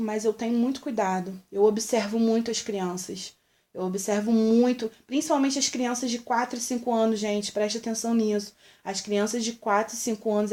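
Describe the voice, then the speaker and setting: A young woman with a Brazilian accent speaks in a slightly high voice. Her talk is heartfelt and direct, addressed to mothers. She circles back and repeats her pleas, earnest and insistent. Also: warm tone. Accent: Brazilian Portuguese. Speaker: vlogger.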